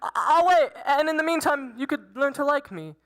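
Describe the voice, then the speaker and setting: A woman playing a timid, lovesick young gentleman tutor in an amateur period drama, earnest and hesitant with a nervous stammer. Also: sits high, lively intonation, moderate pace, low-quality recording. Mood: pleading, lovesick.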